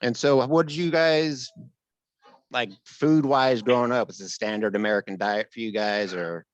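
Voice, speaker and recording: A man's voice: medium pitch, steady tone, moderate pace, no room sound, muffled recording. A man, hosting a casual podcast interview and chiming in with easy, affirming remarks. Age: 50s. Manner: easygoing, affirming with frequent "right, right". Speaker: podcast host.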